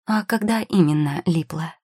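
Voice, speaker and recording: A woman's voice: low voice, moderate pace, dark tone, husky, no echo, studio quality. A woman reading a storybook who voices a patient young potion-maker girl, soothing and practical.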